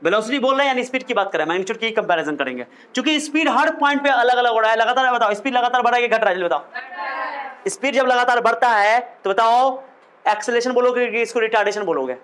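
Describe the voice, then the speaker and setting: A man's voice: very high-pitched, quick pace, fairly bright tone, smooth. A man teaching physics in a lecture, asking questions and repeating key phrases. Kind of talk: classroom lecture.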